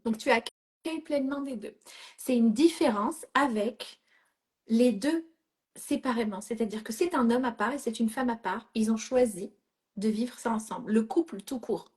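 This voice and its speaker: A middle-aged woman with a slightly high, somewhat mellow voice speaks at a normal speed while coaching a participant in a live session. Directive but reassuring, she keeps checking in with "d'accord?" and slips English phrases into her French.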